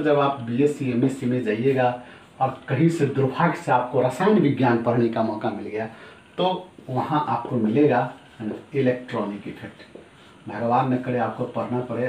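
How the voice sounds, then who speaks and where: A man's voice: mid-range voice, darkish tone, a little hiss or hum. A middle-aged man teaching a chemistry class, chatty, repeating each term and calling his students sir. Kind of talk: classroom lecture. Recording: echoey room, voice from a distance.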